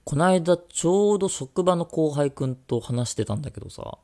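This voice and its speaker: Lively, gravelly-voiced male podcast co-host. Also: fairly high pitch, moderate pace. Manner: teasing, joking banter. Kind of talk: casual radio-style chat.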